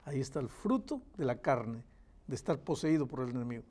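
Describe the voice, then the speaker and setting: Mellow-voiced man teaching the Bible. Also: medium pitch, expressive, fairly quick, breathy edge. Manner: emphatic, repeats phrases for stress, reads verses aloud. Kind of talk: Bible study answering questions.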